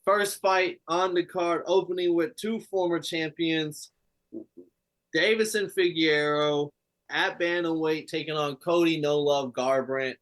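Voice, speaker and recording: A man hosting a casual sports podcast, talking excitedly and rambling, swearing freely. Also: on the high side, measured pace. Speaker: podcast host.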